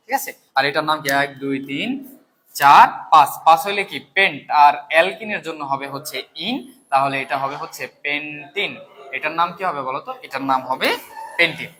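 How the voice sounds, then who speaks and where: A man's voice: on the high side, a bit bright, a little hiss or hum. A male chemistry teacher giving a recorded lecture, asking a question and then answering it himself while he counts aloud.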